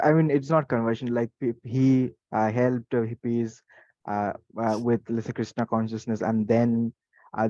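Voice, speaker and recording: Male student, mid-pitched and halting, commenting tentatively in class over dry, close audio. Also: a little mellow, no echo, dull audio. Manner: halting, searching for words. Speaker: student taking part in discussion.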